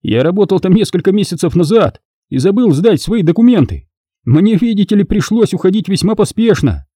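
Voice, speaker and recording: A man putting on a cocky young thief, raised high. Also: big pitch swings, fairly quick, mellow, breathy edge, no echo, heavily acted. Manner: cheeky, boastful.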